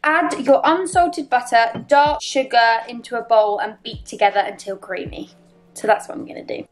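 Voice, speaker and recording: A woman's voice: on the high side, normal speed, reverberant, faint music behind. A woman, chatting upbeat to a handheld camera in her home kitchen. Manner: chatty and upbeat, lively exclamations. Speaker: vlogger. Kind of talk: casual chat to camera.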